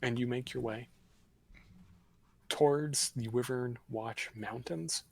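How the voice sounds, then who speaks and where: A man's voice: medium pitch, slow, vocal fry, poor audio. A man narrating a tabletop game as game master on a livestream, in a loose, rambling style. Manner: casual, rambling narration with fillers.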